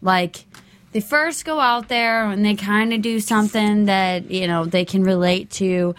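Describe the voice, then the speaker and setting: A woman co-hosting a casual wrestling podcast, talking earnestly and thinking out loud. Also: medium pitch, a little slow, clean tone. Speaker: podcast co-host. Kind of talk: casual chat about wrestling.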